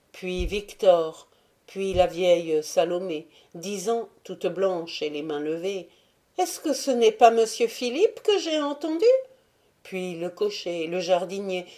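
A woman reading a novel aloud as an audiobook narrator, measured and dramatic. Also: fairly low pitch, warm tone.

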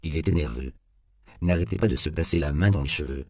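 Deep, gravelly man narrating an audiobook. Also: a little fast, a little mellow, dry recording.

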